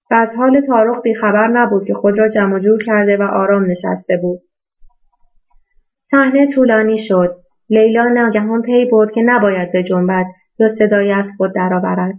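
A woman reading a novel aloud as audiobook narrator in a steady storytelling manner, in a tinny phone-like recording. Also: mid-range voice.

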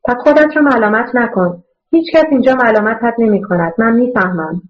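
A kind, earnest man who runs an orphanage, as a woman narrator puts him on, gently comforting and pleading in an audiobook. The voice sits fairly high and the sound is dull and muffled. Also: lightly acted. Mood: consoling. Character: kind middle-aged male orphanage director, earnest.

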